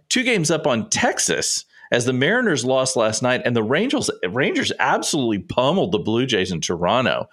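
This is casual one-man sports talk from a podcast host who also writes about sports. Slightly stuffed up and sniffly, he rambles chattily and keeps breaking into his own sentences, in a mid-range voice that's a touch bright.

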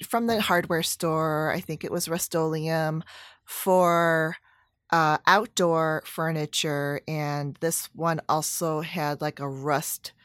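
A woman's voice: deep voice, fairly bright tone, no echo, clean studio sound. A woman chatting casually about a home project, rambling with fillers and self-corrections. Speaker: DIY vlogger. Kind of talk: casual chat.

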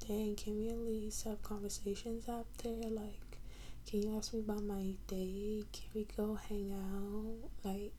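A woman's voice: mid-range voice, dark tone, low-quality recording. A woman in her early twenties hosting a casual solo podcast from her bed, rambling informally in slangy speech. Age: early 20s. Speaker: podcast host. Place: on a bed at home, late at night. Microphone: standalone mic set at a distance. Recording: faint background noise, mic not close.

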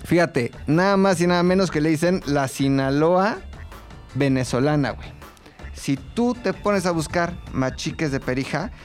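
A man's voice: a little high, lively intonation, moderate pace, soft background music. A Mexican man chatting casually on a podcast, telling a story in heavy slang. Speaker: podcast host. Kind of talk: casual chat.

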